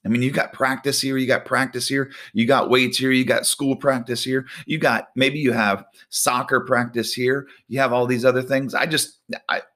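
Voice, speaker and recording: Animated man in his forties. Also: mid-range voice, moderate pace. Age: 40s. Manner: animated, conversational, many fillers, acts out exasperated voices. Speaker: volleyball coach and devotional podcast host. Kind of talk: casual devotional talk with prayer.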